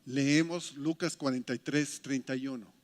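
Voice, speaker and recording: A Mexican man preaching a sermon as pastor, emphatic and animated as he retells scripture stories. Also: medium pitch, moderate pace. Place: church. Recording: reverberant church hall.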